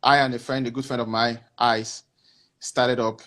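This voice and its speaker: A man, a guest on a video call, telling his story haltingly with many restarts. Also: mid-range voice, little pitch movement, a bit bright. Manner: hesitant, many restarts, reflective. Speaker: interview guest. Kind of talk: casual interview answers.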